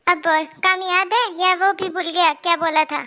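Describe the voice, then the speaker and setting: A stern middle-aged mother who runs the company and scolds her grown son with sharp threats, voiced by a woman in a fan audio drama. Her voice is very high. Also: steady tone, normal speed. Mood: scolding.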